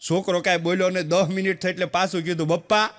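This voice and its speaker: High-voiced stand-up comedian man. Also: little pitch movement, quick pace, a bit bright. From Gujarat, India. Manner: storytelling, acting out villagers and family members in quoted voices. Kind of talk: Gujarati stand-up joke telling. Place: stage show with a live audience. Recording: long hall reverb.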